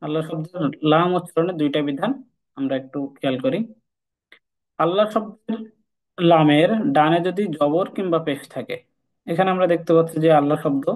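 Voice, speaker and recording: A man's voice: a little high, darkish tone, poor audio. Patient man teaching Quran recitation. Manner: patient, repeats key points, chants Arabic examples slowly. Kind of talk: informal recitation lesson.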